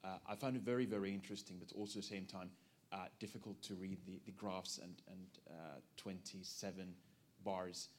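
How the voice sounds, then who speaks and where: A man's voice: deep voice, steady tone, a little fast, slight background noise. A man in the audience making a polite, hesitant comment at a conference, repeating words as he goes.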